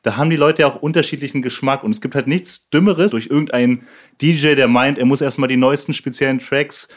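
A man's voice: medium pitch, fast talker. A man in casual podcast chat, earnestly explaining how he approaches parties. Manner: earnest, explaining his views.

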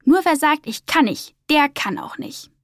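A woman's voice: high-pitched, lively intonation, moderate pace, no echo, studio quality, voice pushed up. A woman doing a hopeful little penguin boy. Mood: eager. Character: small hopeful dreamy male penguin.

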